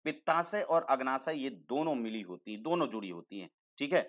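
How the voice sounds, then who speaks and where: A man teaching a science class, slowly repeating terms and asking the class questions before he answers them himself, often calling students "beta". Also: medium pitch, big pitch swings. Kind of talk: online science lesson.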